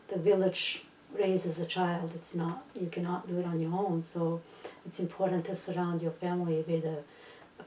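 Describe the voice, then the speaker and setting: A middle-aged woman from Bosnia tells her story in English, with frequent fillers and false starts. Her voice is low-set, mellow and fairly flat. She sits back from the mic in a roomy space with a faint hum of ambience. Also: distant mic. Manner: hesitant, many fillers and restarts. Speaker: interviewee. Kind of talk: recorded personal story.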